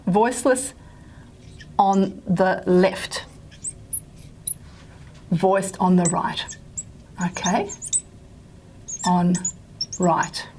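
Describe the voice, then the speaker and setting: A woman gives a relaxed recorded lecture on speech sounds. Her talk is loose and conversational, scattered with ums and "okay?" checks. She sounds out example consonants as she works at the board. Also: medium pitch, slight background noise. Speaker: phonetics lecturer.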